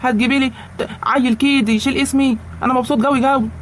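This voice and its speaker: An actor voices a young husband from the Egyptian countryside, eager and pleading with his wife. He talks very fast in an Egyptian rural accent. A faint hiss runs under the track. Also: sits high, steady tone, close to an everyday voice. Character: young excited village husband.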